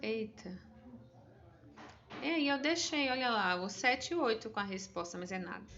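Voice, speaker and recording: A woman's voice: on the high side, lively intonation, normal speed, a bit bright, lo-fi sound. A woman with a Brazilian Portuguese accent, a teacher patiently walking her pupils through a test with encouraging, chatty asides.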